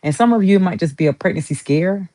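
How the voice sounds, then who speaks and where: A woman from the Southern United States, speaking with a Southern accent, does a chatty, rambling tarot reading, playful and talkative as she pulls cards. Her voice is lowish, expressive and mellow, and she talks at a quick pace. The recording is dry.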